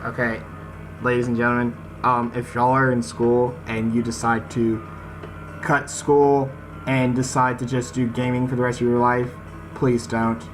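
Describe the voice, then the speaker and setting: Level in tone and measured in pace, the host's mid-range voice comes through poor audio with visual novel music behind it. It's let's-play narration: reading the game's text aloud, stumbling over a few words, and turning to viewers directly with casual asides.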